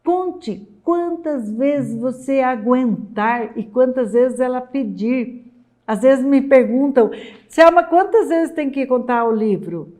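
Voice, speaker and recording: This literacy educator is a middle-aged Brazilian woman whose high, warm voice has lively intonation and a slow pace. Speaking with a Brazilian Portuguese accent, she presents an emphatic talking-head lesson for mothers, going back over her main points.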